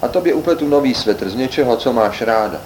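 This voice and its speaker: A man's voice: mid-range voice, animated, a little mellow, slight background noise, lightly acted, low-quality recording. A man voicing a patient, kindly mother in a storybook tale, coaxing and reassuring.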